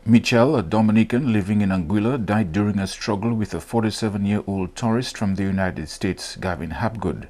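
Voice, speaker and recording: A male reporter reading a scripted news report with measured, formal delivery. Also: on the low side, a little mellow.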